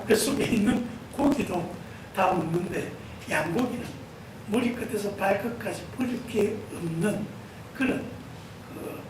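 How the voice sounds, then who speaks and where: High-voiced pastor preaching in an echoey church. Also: male voice. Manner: storytelling, addressing the congregation directly. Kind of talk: Sunday sermon. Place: church sanctuary. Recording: echoey church hall, voice from far off, room noise.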